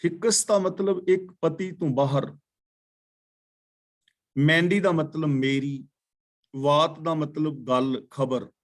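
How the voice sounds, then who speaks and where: A man teaching a scripture class, chanting verses slowly and then patiently explaining them word by word. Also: on the high side, steady tone. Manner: patient, corrects pronunciation. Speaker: katha teacher.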